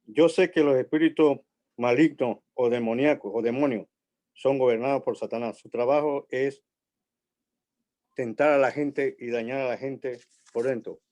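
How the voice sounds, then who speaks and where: A man preaching a sermon in a church, slow and emphatic, building on repeated phrases. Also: mid-range voice, fairly even intonation, darkish tone. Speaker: pastor.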